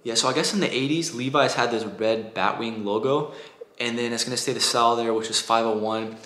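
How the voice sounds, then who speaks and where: A man in his thirties chatting casually to a handheld camera as a vlogger, relaxed and full of "like" and "gotcha". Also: mid-range voice, reverberant, slight background noise. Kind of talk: casual vlog narration. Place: outdoor flea market, car and apartment kitchen. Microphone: handheld camera at arm's length.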